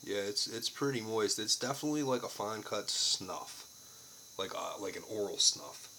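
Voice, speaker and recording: A man's voice: on the low side, animated, moderate pace, bright, forceful tone, a little hiss or hum, rough recording. A man giving a casual, unscripted product review to camera, plain-spoken and casually profane.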